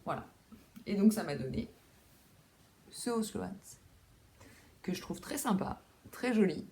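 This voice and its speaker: A woman's voice: mid-range voice, animated, a little slow, dark tone, a little hiss or hum. A young woman hosting a knitting video podcast from home, chatting casually with lots of fillers, restarts and self-deprecating asides. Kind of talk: casual chat. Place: home room with window.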